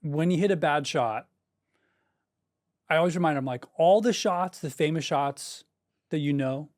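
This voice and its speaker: A man's voice: fairly high pitch, normal speed, darkish tone, dry recording, studio quality. A man co-hosting a podcast, telling a story as a golf parent in a casual, emphatic way and swearing freely. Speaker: podcast co-host.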